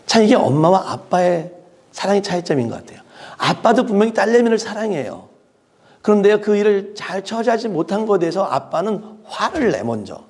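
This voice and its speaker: Male pastor, gravelly, husky tone, conversational sermon storyteller, asks the congregation questions. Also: high voice, expressive, fairly quick, darkish tone.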